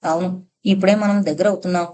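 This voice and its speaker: A woman's voice: fairly low pitch, fairly even intonation, fast, warm tone, close to an everyday voice. This is a pushy young man of college age, full of big talk and self-satisfaction. He speaks eagerly and keeps the chatter going, voiced by a woman reading an audiobook. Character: boastful young male college student, pushy.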